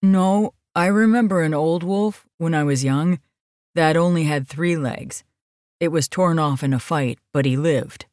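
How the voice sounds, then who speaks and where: A woman's voice: deep voice, a little slow, a little mellow, no room sound, studio quality. A woman voicing a shy, underfed young male werewolf who speaks meekly and hesitantly. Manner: meek and hesitant.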